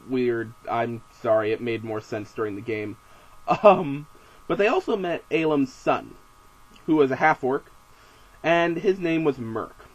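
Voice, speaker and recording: A young man recapping his tabletop game as game master in a casual, rambling and amused way, with many fillers and self-corrections. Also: medium pitch. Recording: dull lo-fi home recording.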